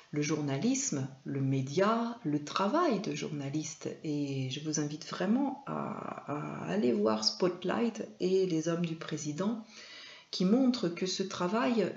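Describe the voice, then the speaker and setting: Slow, gravelly-voiced woman teaching. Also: low voice, darkish tone. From France. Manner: unhurried, hesitant, frequent fillers and self-corrections. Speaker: media trainer and presenter. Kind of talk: explanatory video lesson on film. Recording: echoey room, dull lo-fi sound.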